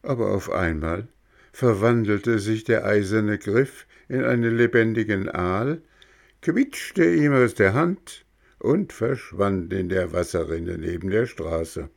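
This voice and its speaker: A man reading a children's storybook aloud in a calm, measured way. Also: fairly low pitch, creaky. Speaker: narrator.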